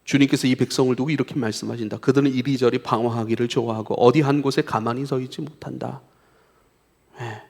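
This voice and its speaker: A man's voice: medium pitch, fairly even intonation, quick pace, gravelly, a little mellow. A man preaching a sermon as pastor, talking conversationally and acting out pleading prayers with rising intensity. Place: church sanctuary. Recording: long church hall reverb.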